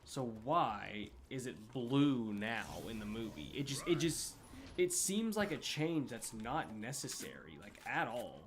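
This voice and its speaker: Young man, gaming streamer, casual rambling review, filler-heavy, mid-pitched. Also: sing-song, unhurried, a little hiss or hum. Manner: rambling, many fillers and restarts. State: hiccups.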